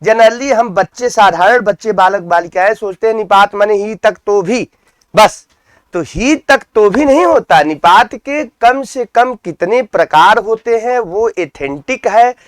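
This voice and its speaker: Man, grammar teacher, repeats key words, dry close recording, measured pace. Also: sits high, dry recording. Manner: repeats key terms, asks students questions then answers them. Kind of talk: exam-prep grammar lesson.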